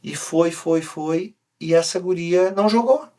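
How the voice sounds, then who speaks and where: A man, a sports coach talking on a podcast, telling an animated story with many restarts. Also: a little high, measured pace. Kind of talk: casual podcast conversation.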